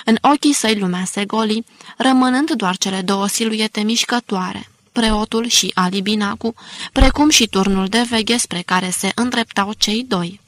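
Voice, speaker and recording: Audiobook narrator: woman, measured even delivery, dry close sound. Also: medium pitch, dry recording. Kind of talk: scripted narration.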